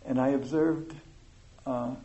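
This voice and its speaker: A man giving an informal meditation talk, speaking slowly and thoughtfully with many pauses and fillers. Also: mid-range voice, steady tone, dark tone, lo-fi sound. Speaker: meditation teacher.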